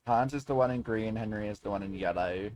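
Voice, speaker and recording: A man's voice: on the low side, fairly quick, a little mellow. A male streamer casually joking and rambling through live gameplay commentary.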